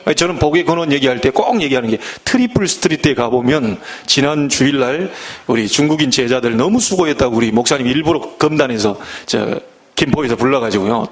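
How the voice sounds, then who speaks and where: A middle-aged man with a Jeolla Korean accent preaching a sermon as pastor, acting out other people's voices and mock curses as he goes. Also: mid-range voice.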